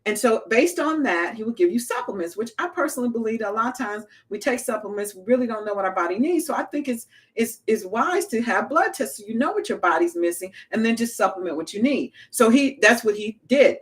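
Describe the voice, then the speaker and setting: A woman giving a casual motivational talk to small business owners, telling stories in an animated way and acting out the voices she quotes. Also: on the high side, fairly quick, few pauses.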